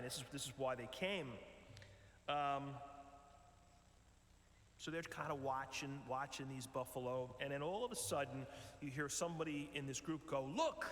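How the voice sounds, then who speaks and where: A priest giving a retreat talk in a large church, telling a story in a relaxed, conversational way with many ums and uhs. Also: male voice, on the high side. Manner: conversational storytelling with frequent fillers. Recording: echoey church with long reverb.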